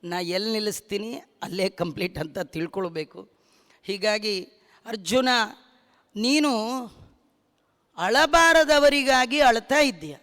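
Man from bangalore preaching scripture, really high bright voice, reverb from the hall. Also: clean tone. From Bangalore, India. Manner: preaching, quotes Sanskrit verses. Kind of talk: religious discourse.

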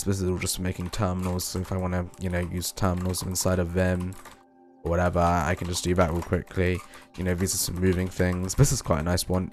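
Brief: young male tech YouTuber, low voice, rapid chatty walkthrough with fillers. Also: darkish tone. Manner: quick, chatty, with fillers and self-corrections. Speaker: programming YouTuber. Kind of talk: casual screen-recorded walkthrough.

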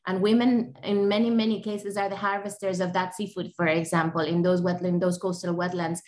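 An Ecuadorian woman in her forties speaks earnestly on an online panel for a bird conservation group, filling her talk with fillers and restarts. She's indoors at home or an office, picked up by a laptop webcam mic on a video call. Her fairly low, slightly mellow voice moves quickly with little change in pitch.

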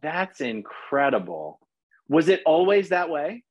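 A man's voice: fairly high pitch, very animated, slow pace, slightly rough, dry recording, muffled recording. A man in his thirties, the host, interviewing a guest over a video call from his living room, asking short probing follow-up questions. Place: living room, on a leather couch, indoors. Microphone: video call, laptop camera mic.

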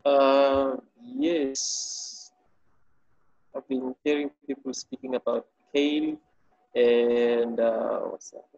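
A woman taking part in an online workshop, talking hesitantly with many pauses. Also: very deep voice, flat delivery, muffled recording. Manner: hesitant, slow, soft-spoken. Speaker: workshop participant. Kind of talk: casual chat on a video call.

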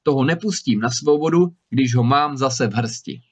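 A man's voice: mid-range voice, lightly acted. A man voicing a bold, clever young male student who answers fearlessly in a storybook reading. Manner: fearless, quick-witted. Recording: slightly dull recording.

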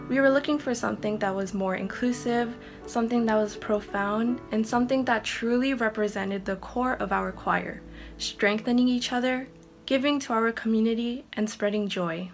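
A woman's voice: a little high, normal speed, faint music behind. A woman in her twenties from California speaking earnestly about her choir. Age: 20s.

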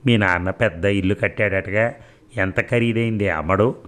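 A man's voice: fairly low pitch, normal speed, fairly bright tone, lightly acted. A man reading the part of a nosy, blunt older village woman who fires off prying questions in a storybook.

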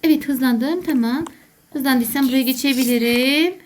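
A woman's voice: high-pitched, moderate pace, a little hiss or hum. A woman doing jokey, panicky let's play commentary as a gaming YouTuber who calls herself a gamer mom.

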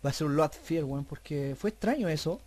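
A young man with a Chilean accent giving let's play commentary, cursing nonstop and breaking into panicked yells. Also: a little high, animated, a little fast, slight background noise. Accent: Chilean Spanish. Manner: swears constantly, bursts into panicked yelling. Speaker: gamer. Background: horror game music and sounds.

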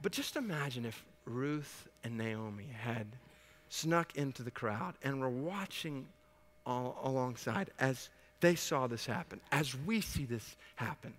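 A man preaching a sermon, animated, swinging from hushed to loud and acting out the dialogue. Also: medium pitch, unhurried, big-room sound. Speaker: pastor.

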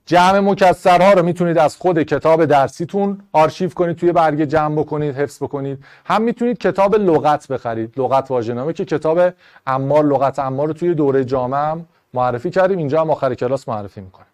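A man teaching an online Arabic grammar class in Persian, going briskly through test answers and rules, step by step. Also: on the high side, a little mellow. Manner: brisk, explaining step by step to students.

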